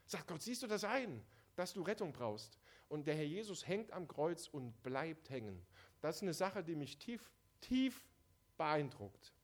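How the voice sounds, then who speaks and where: A man preaches a sermon, speaking right to his listeners. His voice sits a little high and moves a lot, dropping quiet and then pushing loud for emphasis. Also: big pitch swings, measured pace. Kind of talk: evangelistic sermon.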